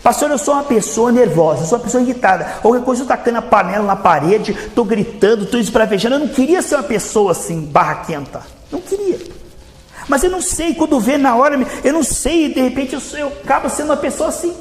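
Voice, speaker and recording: A man's voice: very high-pitched, expressive, quick pace, voice pushed up. A man with a Brazilian Portuguese accent voicing a fretful, irritable churchgoer complaining to the pastor in a whiny, plaintive voice. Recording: reverberant church hall.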